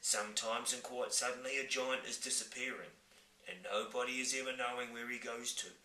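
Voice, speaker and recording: A very old, gentle giant, as a man puts him on, rumbling slowly through broken grammar and made-up words. The voice is sharp and bright, and it sits a little higher than the reader's own. It sounds roomy, as if caught from a mic set some way off. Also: steady tone, recorded from a distance, slight background noise. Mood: earnest. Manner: mangled grammar, invented words, slow booming delivery. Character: very old male giant, gentle, muddled speech.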